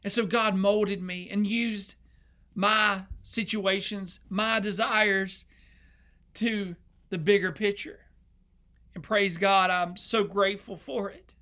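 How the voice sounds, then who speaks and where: A man's voice: high-pitched, fairly even intonation, slow pace, bright, forceful tone. A young man preaching a sermon as an associate pastor, earnest and emotional, often repeating himself. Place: church sanctuary.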